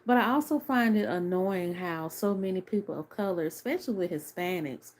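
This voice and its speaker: Animated and fairly quick, this woman's voice is on the low side with a slightly mellow quality. In her thirties, she gives an earnest, opinion-heavy video review as casual commentary to camera, chatting away with plenty of "like" and "you know."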